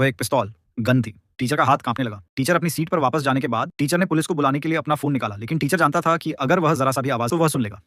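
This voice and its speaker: A man narrating a dramatic story in a rapid, tense scripted style. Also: on the high side, fairly bright tone, no room sound, clean studio sound.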